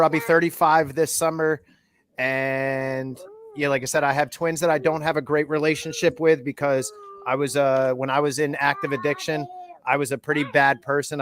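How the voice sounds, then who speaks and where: A man in his thirties, a podcast guest, telling his story in a candid, measured way with many fillers. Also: medium pitch, little pitch movement, a bit bright. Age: 30s. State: holding a baby on his lap. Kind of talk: casual chat.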